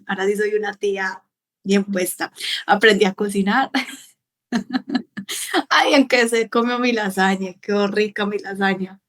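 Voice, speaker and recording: A woman, a guest in a casual podcast conversation, telling stories expressively. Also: medium pitch.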